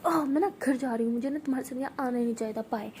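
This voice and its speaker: A woman's voice: high-pitched, very fast, a little mellow, slight background noise, natural voice. Woman doing a sulky college girl. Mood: upset. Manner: whiny complaining.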